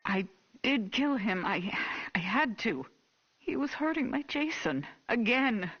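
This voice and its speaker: An unhinged, vengeful American mother in a dramatic horror game. Her voice is husky and curt, heavy with grief and menace. It comes through a dull, muffled old tape. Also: fairly high pitch, very animated, unhurried, full character voice. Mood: agitated, defiant. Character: unhinged, grieving, vengeful mother of a lost boy. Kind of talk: dramatic game voice acting as a taped police interview.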